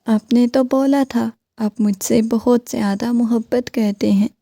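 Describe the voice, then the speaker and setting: A woman's voice: fairly high pitch, fairly even intonation, gravelly, warm tone, dry recording, clean studio sound. A woman reading as a heartbroken young wife. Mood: tearful.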